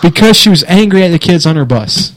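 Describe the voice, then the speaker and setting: A man's voice: fairly high pitch, lively intonation, brisk, a little hiss or hum, poor audio. Wry man reading odd news. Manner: wry, laughs through stories, mock newscaster delivery. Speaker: podcast host. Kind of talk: casual chat, reading odd news stories.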